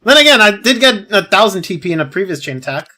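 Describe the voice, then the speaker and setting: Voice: medium pitch, sing-song, fast, bright, forceful tone. A streamer giving casual playthrough commentary, muttering to themselves and sometimes swearing. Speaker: video game streamer.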